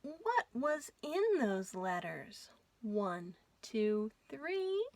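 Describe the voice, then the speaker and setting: A woman leads a children's storytime, reading aloud with an animated, sing-song lilt and asking the young listeners questions. Her pitch is fairly high, and she draws out her words.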